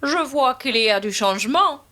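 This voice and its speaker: A woman voicing a calm, firm older dance teacher in a storybook reading, giving gentle but commanding instructions. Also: high voice, moderate pace, pitched above the performer's own voice.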